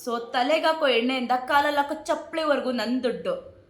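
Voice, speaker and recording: A woman's voice: high voice, moderate pace. A woman in her thirties with a Kannada accent, talking to camera and indignantly answering her critics with repeated rhetorical questions. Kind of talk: emotional direct-to-camera talk. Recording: echoey room.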